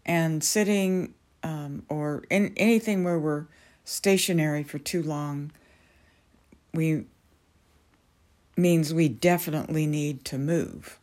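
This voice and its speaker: Woman doing guided meditation, low voice, real slow n gentle, pauses between little phrases. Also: fairly even intonation. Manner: unhurried, pausing between short phrases.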